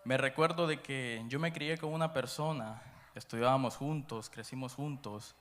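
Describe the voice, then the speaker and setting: A man from Guatemala with a Guatemalan Spanish accent, giving his church testimony in an unscripted storytelling way, full of fillers, his voice dropping low when he recounts dark moments. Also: moderate pace. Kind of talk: personal testimony after prayer. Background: background music.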